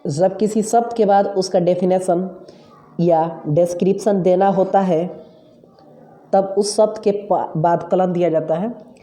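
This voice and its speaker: A woman teaching punctuation in Hindi, repeating each rule and reading examples slowly. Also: on the low side, steady tone, warm tone. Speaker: English grammar teacher. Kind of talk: slow dictation-style grammar lesson.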